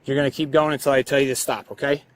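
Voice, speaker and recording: A man's voice: mid-range voice, flat delivery, very fast. A male police officer giving step-by-step procedural instructions on a body camera, often checking that he is understood. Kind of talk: procedural instructions during a traffic stop. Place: outdoors at a roadside.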